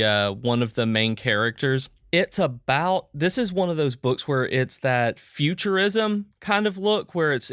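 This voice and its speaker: A man's voice: mid-range voice, a bit bright, clear, resonant tone, dry recording, studio quality. A man co-hosting a podcast, chatting casually and enthusiastically, rambling with restarts. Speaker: podcast co-host. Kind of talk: casual chat.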